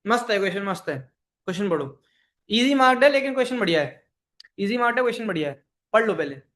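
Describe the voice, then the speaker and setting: A man's voice: high voice, animated, fast talker, a bit bright. A man teaching a live online programming class, mixing English coding terms into his Hindi, repeating his phrases and quizzing the students. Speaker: programming instructor.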